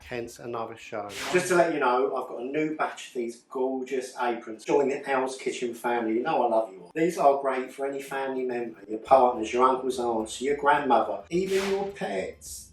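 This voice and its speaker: A man hosting his own cooking show, chatty and enthusiastic as he talks through a curry recipe. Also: mid-range voice. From United Kingdom. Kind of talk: casual cooking demonstration. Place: home kitchen. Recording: echoey kitchen with faint music.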